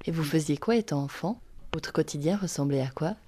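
A woman hosting a radio interview, asking gentle, measured questions. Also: low-pitched, a little hiss or hum.

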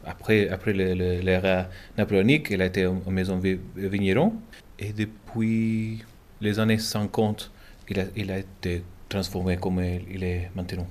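Gibraltarian man, very low voice, careful halting French with a Spanish lilt, interviewed at home. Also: little pitch movement, darkish tone. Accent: Gibraltarian, Spanish-tinged French. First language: English. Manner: halting, searching for words, many restarts. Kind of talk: interview answers in a second language.

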